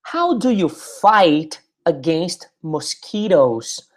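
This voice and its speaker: A woman teaching English, speaking model phrases slowly for the listener to repeat and explaining them in quick asides. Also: on the low side, big pitch swings. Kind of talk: English lesson with repeat-after-me drills.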